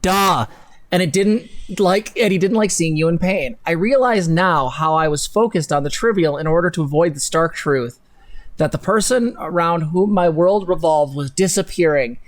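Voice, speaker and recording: A co-host reads text aloud on a live stream from a computer in an indoor room, hamming it up with sarcastic theatrics. Between lines he tosses in casual swearing, speaking at medium pitch and normal speed.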